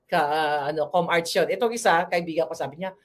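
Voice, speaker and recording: A woman's voice: lowish voice, quick pace. A woman from the Philippines giving a blunt, combative political commentary monologue, chatting freely and switching between Tagalog and English.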